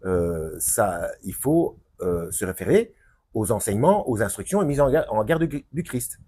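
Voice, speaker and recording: A man's voice: fairly low pitch, sing-song, normal speed, dark tone, husky. A man giving an unscripted Bible teaching for his video channel, hesitant with many fillers and restarts, rising into emphatic points.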